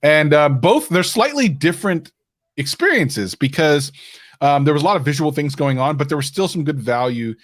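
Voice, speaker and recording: A man co-hosting a tech podcast, asking questions in relaxed, curious chat. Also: fairly high pitch, normal speed, dry recording, studio quality. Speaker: podcast co-host.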